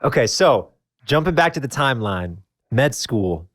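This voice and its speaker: A man's voice: medium pitch, big pitch swings, moderate pace, a bit bright. A man hosting a casual podcast interview, chiming in with short, blunt reactions and opinions. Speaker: podcast host.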